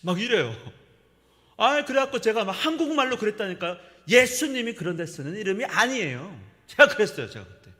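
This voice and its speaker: A middle-aged male pastor preaching a sermon, telling stories and acting out the lines he quotes. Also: high voice. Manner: animated storytelling, acts out quoted lines. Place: church sanctuary. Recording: long church reverb.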